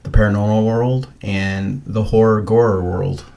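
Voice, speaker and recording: A man's voice: lowish voice, steady tone, normal speed, vocal fry, mellow. A man co-hosting a podcast in casual chat, teasing and asking playful questions. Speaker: podcast co-host.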